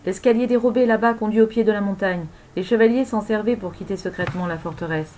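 A woman's voice: mid-range voice, fast talker, mellow, a little hiss or hum, close to an everyday voice. A woman voicing a commanding man who gives orders in a read-aloud story.

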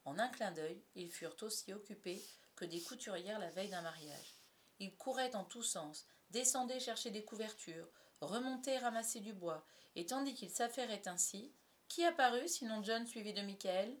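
A woman narrating a storybook aloud, with soft, confiding asides to the listener. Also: medium pitch, moderate pace. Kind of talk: storybook reading.

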